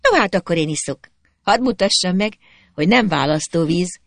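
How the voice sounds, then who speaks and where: A reader voicing a lively, teasing peasant girl who coaxes and chides in a bright, cheerful way. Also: mid-range voice, creaky, no echo. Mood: coaxing teasing.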